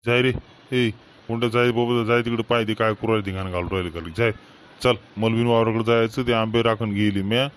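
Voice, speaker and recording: A man's voice: lowish voice, steady tone, a little fast, a little hiss or hum, lightly acted. A man with a Varhadi Marathi accent playing a weary old farmer father who grumbles and laments about his quarreling sons in a village comedy skit. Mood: bossy.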